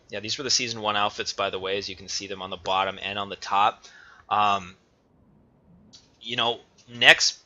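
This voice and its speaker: A man casting a live esports match, excitable and getting loud on big plays. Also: lowish voice, dull audio. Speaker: esports caster. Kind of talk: live play-by-play commentary.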